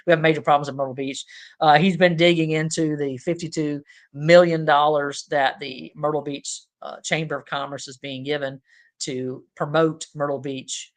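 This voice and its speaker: A man's voice: a little high, a bit bright. A man hosting a political podcast, talking in a casual, opinionated way with many fillers.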